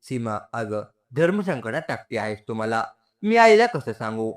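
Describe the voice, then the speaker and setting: A man voicing a worried, steady sister-in-law. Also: mid-range voice, measured pace. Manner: concerned, questioning, then taking charge.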